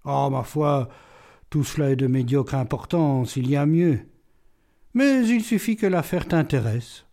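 A man reading an audiobook, voicing a witty, mocking, self-assured gentleman burglar held in a cell. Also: fairly high pitch, animated, unhurried. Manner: playful, ironic, self-assured.

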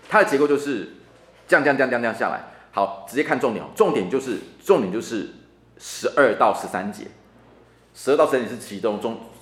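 A man's voice: mid-range voice, echoey room. A man teaching a Bible class as a deacon, talking in a chatty way and repeating words for emphasis. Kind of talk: lively classroom Bible lecture. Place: church classroom.

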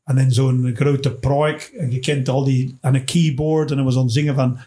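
A man from England, a stand-up comedian chatting casually and telling stage anecdotes in an animated way. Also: medium pitch, normal speed. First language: English. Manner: animated storyteller, tags lines with "hè".

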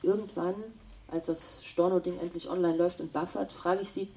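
An actress playing a female traveler who narrates her journey in a calm, reflective way. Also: lowish voice, normal speed, recorded from a distance, close to an everyday voice. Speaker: traveler telling her story.

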